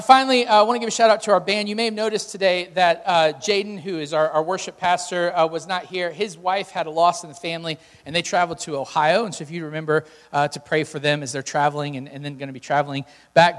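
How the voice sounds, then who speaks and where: A man's voice: on the high side, fairly even intonation, quick pace, hardly any pauses, fairly bright tone. A man speaking as a pastor, giving informal welcomes and announcements and addressing his congregation directly in a conversational way. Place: large church room with PA. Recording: hall reverb, music behind.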